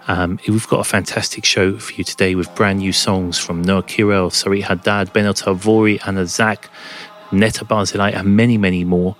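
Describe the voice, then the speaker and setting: Recorded at home under a blanket, a man who is a podcast host and DJ presents a music podcast in a casual, enthusiastic but rambling way. His voice sits low and is a bit bright.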